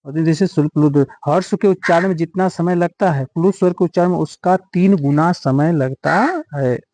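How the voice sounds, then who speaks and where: A man's voice: on the high side, moderate pace, a little mellow, slight background noise. A man teaching an exam-prep grammar lesson, often repeating each question and answer and drawing out words for emphasis.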